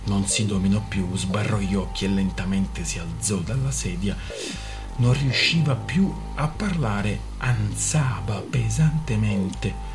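A man reading a novel aloud on the radio with expressive, theatrical storytelling. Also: on the low side, unhurried, music in the background. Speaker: radio reader.

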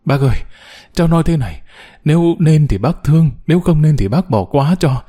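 A man's voice: expressive, brisk. A man voicing a sobbing young mother. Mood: pleading. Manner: sobbing, pleading, high and loud. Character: distraught young mother, woman, wailing in grief.

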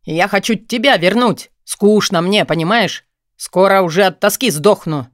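A man voicing a pushy, crude, excitable young man in an audiobook, raising his voice and pitch to badger a friend. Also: moderate pace, dry recording, studio quality. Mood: exasperated. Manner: eager, crude, insistent.

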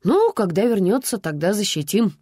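A woman voicing weary police officers who brush people off flatly. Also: mid-range voice, moderate pace, slightly rough, no echo, studio quality.

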